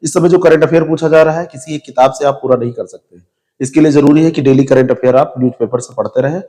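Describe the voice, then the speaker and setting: A man's voice: a little high, steady tone, quick pace, mellow, long reverb tail. A man giving direct, informal advice on which books to study for a civil service exam. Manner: direct, advising, addresses viewers as you. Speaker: exam prep teacher.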